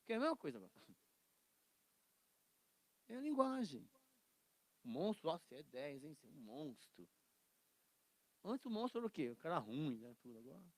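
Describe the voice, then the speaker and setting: A man teaching an informal Bible class, animated and joking, acting out quotes. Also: high voice, no room sound. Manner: animated, acts out quotes, jokes and laughs.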